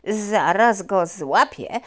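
A woman voicing a small, naive and eager puppy in a children's story, in a high, loud, excited voice. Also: drawn-out words.

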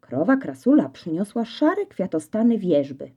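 A woman reading a children's story aloud in a lively, playful storytelling manner. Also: medium pitch, moderate pace, slightly rough, muffled recording.

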